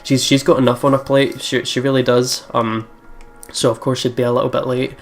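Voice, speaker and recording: A let's player reads a visual novel aloud and reacts playfully and chattily, often repeating words, while game music plays in the background. His medium-pitched voice is brisk, with little pitch movement.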